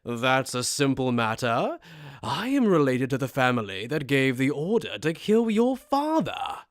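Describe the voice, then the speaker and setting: A man's voice: mid-range voice, wildly swooping pitch, measured pace, no room sound, clean studio sound. A man playing a smug, sadistic aristocratic death god, with mocking, overacted anime-dub theatrics. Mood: smug, cruel. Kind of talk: anime fan-dub character acting.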